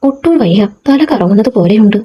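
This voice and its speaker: A woman's voice: mid-range voice, animated, a little fast, husky, highs cut off. A woman voicing a shy young woman in a storybook, plaintive and protesting.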